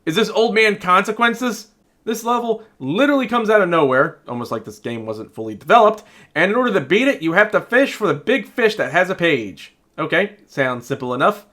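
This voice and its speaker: A man's voice: sits high, expressive, brisk, a bit bright. A man giving exasperated, sarcastic and profane commentary as he reviews a video game.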